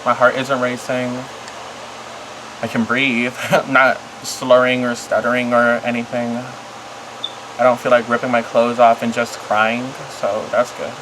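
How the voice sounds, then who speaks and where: A vlogger talking casually and confessionally to camera in a halting, rambling, apologetic way that often trails off. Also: medium pitch, level tone, background noise. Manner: apologetic, self-conscious.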